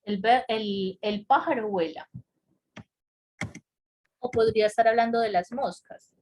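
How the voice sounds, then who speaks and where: A woman's voice: on the high side, unhurried, a little mellow, slight background noise. Woman teaching an online class. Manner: explains patiently, asks the class questions, laughs lightly. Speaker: English teacher. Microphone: computer mic on a video call.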